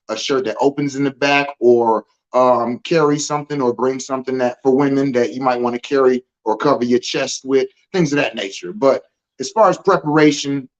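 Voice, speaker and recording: A man's voice: medium pitch, dull audio. A man, born in Germany, explaining venom medicine in a laid-back, casual livestream chat, using vivid analogies.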